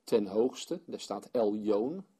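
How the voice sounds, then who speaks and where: A man's voice: lowish voice, animated, slow pace, dark tone, breathy edge. A man leading a Bible study for a small group, reading scripture aloud and then explaining it as he thinks aloud.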